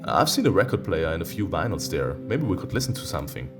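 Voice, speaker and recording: A low-pitched man speaks fast as he narrates a visual novel for a let's-play. Guitar music accompanies him, and he often stops to tease and react expressively.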